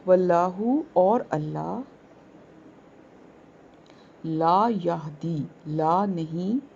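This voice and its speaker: A woman teaching a word-by-word translation lesson, saying each word slowly and repeating its meaning. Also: lowish voice, gravelly, a little mellow, lo-fi sound, slight background noise. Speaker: Quran teacher.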